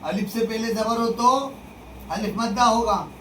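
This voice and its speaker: A teacher drills a class in call and response, stating each rule and then firing questions back at the students. The voice sits at a middle pitch and comes from well back, off a distant mic. The room rings with echo, and a faint hiss runs underneath. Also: steady tone, unhurried, fairly bright tone. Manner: repeats rules and quizzes students with questions. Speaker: religious studies teacher.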